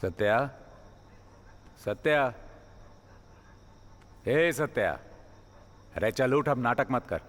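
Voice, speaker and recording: A man dubbing a stern working-class father in a film, gruff and scolding. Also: mid-range voice, expressive, drawn-out words, long pauses. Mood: softened. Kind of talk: Hindi film dub. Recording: film dub with reverb and music.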